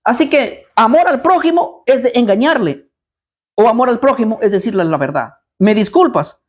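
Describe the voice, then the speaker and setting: A man's voice: very high voice, lively intonation, normal speed. Combative man preaching with rhetorical questions. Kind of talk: live Bible study preaching.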